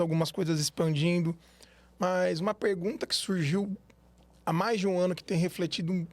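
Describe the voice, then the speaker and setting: A man hosting a podcast, with a voice a bit higher than most men's. He frames his questions in a measured, reflective way. The recording is dry and close. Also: no echo. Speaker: podcast host. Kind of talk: podcast interview.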